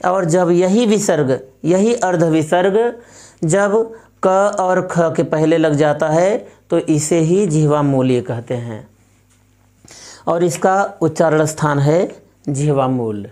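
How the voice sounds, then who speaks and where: A woman teaching a recorded Sanskrit lesson, reciting each rule several times in a slow, measured chant before explaining it. She asks the class questions and answers them herself. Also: low voice, mellow.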